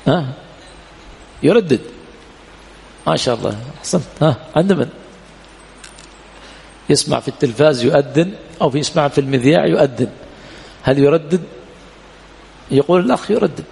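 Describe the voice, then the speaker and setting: A man's voice: on the high side, animated, brisk, gravelly, long pauses, a little mellow, long reverb tail. A man teaching a classroom lesson, quizzing students with questions and repeating key points. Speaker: teacher of Islamic law.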